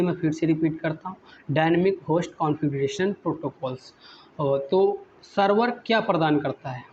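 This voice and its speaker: A man with a slightly raised voice teaches through a list of exam questions. He reads each English question slowly, then explains it in Hindi and keeps prompting with repeated questions. The recording is a bit dull and muffled, with a faint hiss. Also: fairly high pitch, darkish tone.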